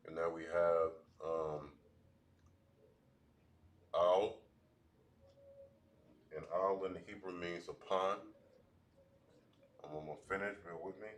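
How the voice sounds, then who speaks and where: A man teaching a language class at a board, talking in halting bursts with many restarts. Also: deep voice, fairly even intonation.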